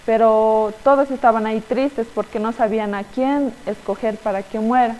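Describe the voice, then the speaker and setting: A young woman tells a Bible-class story to children, with a slightly high voice. She pauses often and keeps checking in with little tag questions and fillers. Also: steady tone, darkish tone, long reverb tail, poor audio. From Bolivia. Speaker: children's Sunday school teacher.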